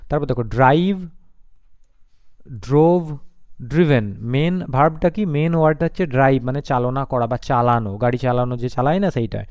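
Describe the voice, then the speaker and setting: A man teaching English verb forms in a classroom lesson, slowly repeating words and spelling them out letter by letter. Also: medium pitch, darkish tone, clear, resonant tone, no room sound. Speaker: English tutor. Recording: slightly dull lo-fi recording.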